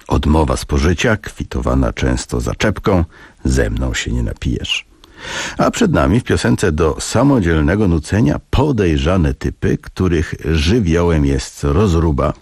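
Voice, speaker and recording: Very deep, gravelly male radio host. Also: a little mellow, no echo, clean studio sound. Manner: wry, ironic. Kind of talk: scripted radio links.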